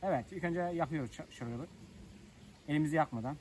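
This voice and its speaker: High-voiced man chatting outdoors. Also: quick pace, darkish tone, a little hiss or hum. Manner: chatty, joking, talks to viewers while working. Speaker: village outdoor vlogger. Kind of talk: casual chat to camera. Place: outdoors in rural nature.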